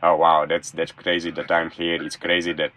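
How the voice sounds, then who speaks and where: A man's voice: low-pitched, monotone, normal speed, a bit bright. A young man from Slovenia, a non-native speaker, talking enthusiastically as a guest in a casual interview from his van, often restarting his sentences. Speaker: guest, former college thrower. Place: small room in a camper van.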